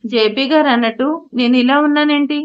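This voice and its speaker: A woman's voice: high voice, a little fast, lightly acted. A woman voicing a fussy, silly woman. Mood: flustered. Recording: slightly muffled audio.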